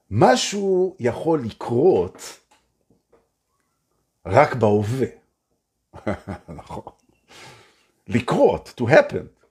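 A spiritual teacher leads a live-streamed motivational session in a very husky, breathy voice that is mellow and warm. He's animated and playful, his pitch swinging widely as he repeats phrases for fun.

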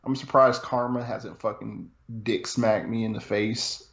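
A man's voice: fairly low pitch, fairly even intonation, a little slow, gravelly, a bit bright, roomy sound, muffled recording. A man in casual chat, joking crudely and asking lots of questions.

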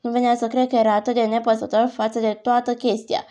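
A woman narrating a novel aloud in a calm, even storytelling manner. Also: fairly high pitch. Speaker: audiobook narrator.

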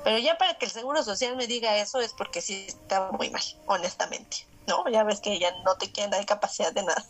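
A woman with a Mexican accent, telling a heartfelt personal story and repeating words in rapid bursts. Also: mid-range voice, faint music behind.

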